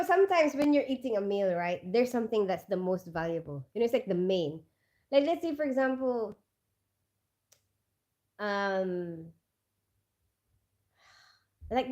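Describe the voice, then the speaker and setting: This vlogger's voice is medium in pitch with a dark tone. She talks casually and chattily to her viewers, reading out their comments amid plenty of fillers and asides.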